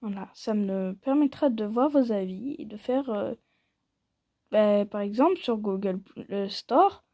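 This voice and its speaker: A woman's voice: medium pitch, expressive, unhurried, warm tone, dry recording, clean studio sound. A woman giving casual commentary while playing a mobile game, rambling playfully and poking fun at herself. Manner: playful, rambling and self-mocking.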